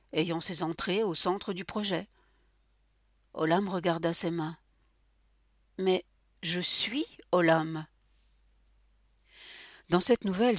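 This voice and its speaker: A host narrating a scripted literary program and reading passages aloud in a measured, expressive way. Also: medium pitch, no room sound, clean studio sound.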